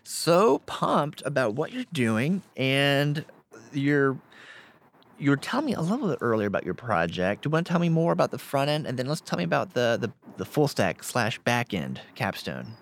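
A man's voice: medium pitch, very animated, normal speed, vocal fry. A man interviewing a graduate, upbeat and encouraging, often repeating his phrases.

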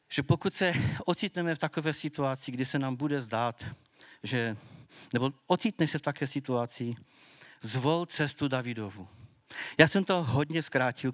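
A man's voice: medium pitch, a bit bright, no room sound. A man preaching a sermon, earnest and conversational, sometimes restarting his words.

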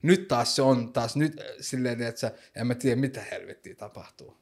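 A man's voice: mid-range voice, lively intonation, creaky, slightly rough. Casual young man in slangy chat, mixes in English phrases, keeps on going. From Finland. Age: young adult. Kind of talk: casual conversation.

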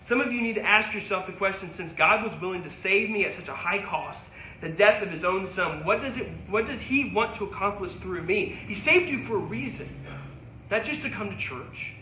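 A man preaching in a high, bright voice, earnest and pleading as he repeats his calls. The sound carries an echoey room around him, with faint ambience underneath. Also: animated, normal speed, a little hiss or hum. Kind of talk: sermon.

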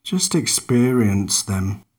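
A man narrating a guided meditation in a calm, measured, unhurried manner, leaving long pauses between instructions. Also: fairly low pitch.

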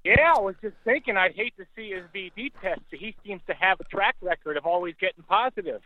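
A man's voice: high voice, brisk, no room sound. A man calling in over a speakerphone, rambling and stammering through restarts. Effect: phone speakerphone. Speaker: caller. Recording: tinny dry phone line.

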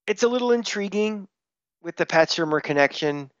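A man co-hosting a casual sports podcast, blunt and opinionated, talking in quick bursts. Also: high-pitched, expressive, no echo, lo-fi sound. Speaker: podcast co-host.

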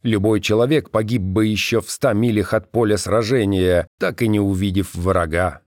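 Male audiobook narrator, low and measured, dry booth sound. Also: steady tone, a little mellow, dry recording. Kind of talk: audiobook reading.

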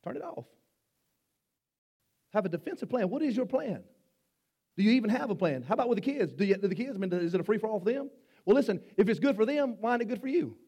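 A man's voice: high voice, expressive, fast talker, dark tone, breathy edge. A middle-aged male pastor preaching a sermon in a folksy, joking way, often repeating his words. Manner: folksy, repeats himself, jokes with the congregation.

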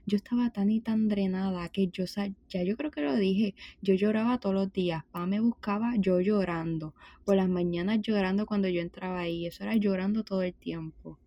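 A young woman with a Puerto Rican accent telling a story in casual chat, animated and full of slang. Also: medium pitch, fairly quick, few pauses, no echo, highs cut off.

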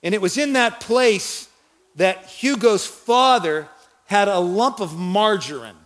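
A male pastor delivering a sermon, swinging from loud calls to quiet, low lines. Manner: preaching with dramatic swings in volume and pitch, shouting the cries.

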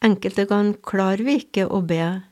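Woman preaching slow and earnest, mellow dark tone. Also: medium pitch, steady tone. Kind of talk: gospel reading and sermon.

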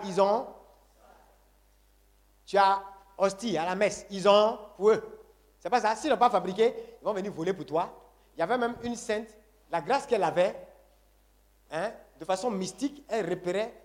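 A man's voice: high-pitched, normal speed, pauses often. A man preaching a sermon to a congregation, emphatic and repetitive, calling on the audience to say amen. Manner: call-and-response, asks congregation to say Amen; emphatic, repeats phrases.

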